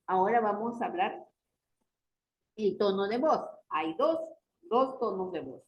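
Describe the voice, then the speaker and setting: A woman teaching a class, talking through her points and often checking in with a quick question. Her voice sits at a middle pitch. Faint noise is heard behind her. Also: animated, muffled recording. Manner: explanatory, rhetorical questions, many tag questions. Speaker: university teacher. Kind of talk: class discussion.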